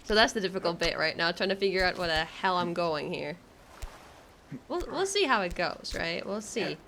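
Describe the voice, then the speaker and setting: Her voice sits on the low side at a moderate pace, with a little hiss or hum in the recording. She is a woman casually commentating a live game for her chat, excited and nervous, often giggling and exclaiming.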